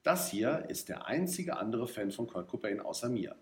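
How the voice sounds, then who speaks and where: A man's voice: medium pitch, very animated, moderate pace, darkish tone, natural voice. A man voicing a bold, teasing teenage girl in a read-aloud story, in a raised playful voice. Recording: roomy echo.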